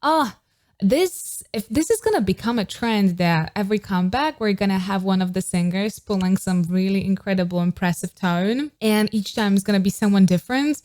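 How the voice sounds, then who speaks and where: Excited woman vocal coach reacting. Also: mid-range voice, moderate pace. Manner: enthusiastic, demonstrates sung riffs. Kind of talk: casual reaction commentary.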